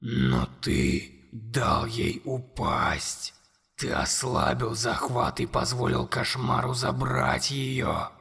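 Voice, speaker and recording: A man voicing a huge, relentless monster in an audiobook, speaking in a low, slow, menacing whisper. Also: creaky, fairly bright tone, slightly rough, big-room sound, heavily acted.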